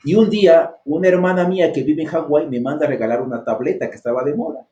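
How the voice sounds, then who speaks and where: Man, radio host, reflective anecdotes, conversational, mellow dark tone, echoey room. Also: fairly high pitch, fast, highs cut off, slight background noise. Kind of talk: casual interview chat. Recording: roomy echo.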